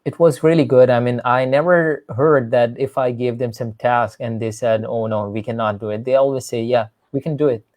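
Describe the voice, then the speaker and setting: In an informal chat, a man from Pakistan who teaches English talks earnestly, repeatedly circling back with "I mean." He has a mid-range, slightly mellow voice with fairly even intonation, a moderate pace and few pauses, recorded dry.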